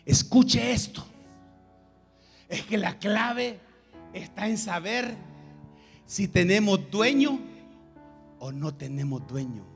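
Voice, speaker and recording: A man preaching a sermon as pastor, repeating phrases and swinging between loud calls and hushed lines. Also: high-pitched, expressive, takes it slowly, vocal fry, pauses often, faint music behind.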